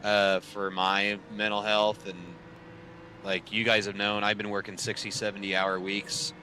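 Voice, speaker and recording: A man's voice: lowish voice, monotone, a little slow, bright, forceful tone, a little hiss or hum. A man in his thirties streaming sim racing from home, rambling casually to viewers with dry sarcasm and lots of fillers.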